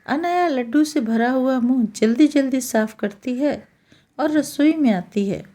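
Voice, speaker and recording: A woman calmly narrating a scripted moral story. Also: high-pitched, measured pace.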